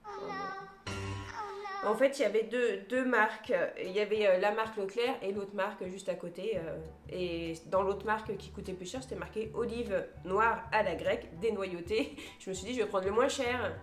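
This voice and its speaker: A woman's voice: medium pitch, moderate pace, hardly any pauses, soft background music. A woman vlogger chatting casually about her groceries, talking with frequent hesitations, recorded on a phone camera. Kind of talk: casual grocery haul vlog. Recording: echoey room.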